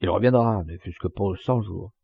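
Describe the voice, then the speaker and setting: A man reading an enthusiastic gentleman orator, gravelly. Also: deep voice, normal speed, exaggerated voice. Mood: declaiming. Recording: dull lo-fi dry recording.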